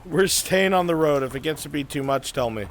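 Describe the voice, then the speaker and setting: Leading his group through a VR roleplay, a man stays in character with bossy, joking banter. He sounds on the high side, expressive and a little fast, and the recording has slight hiss or hum plus rain and music behind him.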